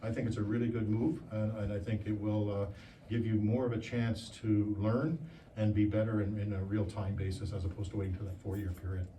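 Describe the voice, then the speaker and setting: A man's voice: lowish voice, level tone, brisk, dark tone. An older man explaining things informally in a folksy way, often asking and answering his own questions. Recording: distant mic, faint background noise.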